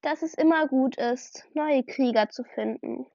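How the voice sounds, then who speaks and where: A woman voicing a calm, firm female clan leader cat who speaks matter-of-factly. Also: high-pitched, measured pace, dry recording, dull audio.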